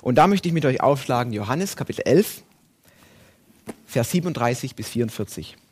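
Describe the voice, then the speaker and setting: A man's voice: mid-range voice, expressive, a little fast, darkish tone, breathy edge. A man preaching a sermon and reading Bible passages aloud, with emphatic, rising and falling delivery.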